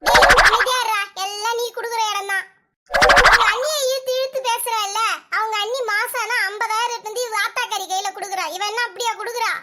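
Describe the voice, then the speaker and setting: A woman voicing a shrill nagging mother-in-law. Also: steady tone. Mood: scolding. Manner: nagging, mocking, rapid scolding. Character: shrill bossy old mother-in-law, scolding. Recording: loud background noise.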